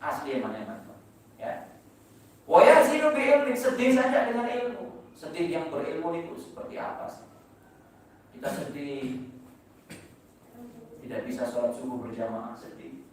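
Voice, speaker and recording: Male mosque preacher, high voice, heavy hall echo, picked up from a distance. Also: very animated, moderate pace, pauses often, a little hiss or hum. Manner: chanting Arabic phrases, then explaining with rhetorical questions. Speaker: religious teacher. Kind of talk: mosque sermon. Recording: echoey mosque hall from far off.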